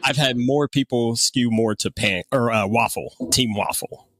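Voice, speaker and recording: Chatting with a guest on his podcast, this host is relaxed and jokey, chuckling frequently throughout the casual interview. He speaks at a medium pitch and measured pace, with a fairly bright tone.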